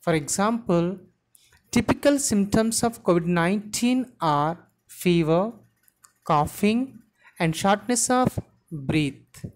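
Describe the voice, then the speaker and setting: A woman teaching vocabulary, slowly spelling words letter by letter and sounding out each syllable. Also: medium pitch, animated. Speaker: English teacher. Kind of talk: vocabulary and pronunciation lesson.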